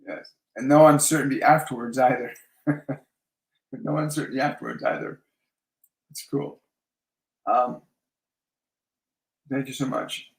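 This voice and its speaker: A man hosting a live-stream Q&A as a spiritual medium, giving slow, soothing guided instructions and repeating each one twice. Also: medium pitch, fairly even intonation. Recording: roomy echo.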